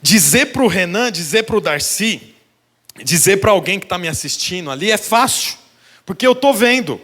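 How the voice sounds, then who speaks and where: A man's voice: sits high, lively intonation, normal speed, sharp tone. A Brazilian pastor in his church, preaching a sermon and telling a vivid illustrative story straight to the congregation. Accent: Brazilian Portuguese. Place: church sanctuary.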